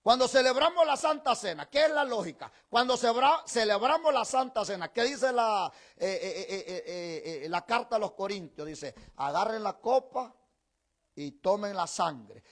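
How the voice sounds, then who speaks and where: A middle-aged man preaching from the pulpit, his voice pitched high for a man. He swings widely in pitch, chatting and joking with his flock, then rises into emphatic declarations. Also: lively intonation, moderate pace, hardly any pauses. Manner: conversational preaching with teasing asides to the congregation. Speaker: pastor. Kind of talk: sermon.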